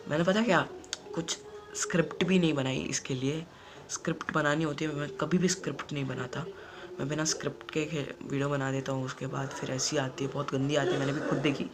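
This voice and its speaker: A man's voice: on the high side, level tone, a little fast. A teenage boy telling an unscripted school story for his vlog, rambling and repeating himself. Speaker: YouTuber.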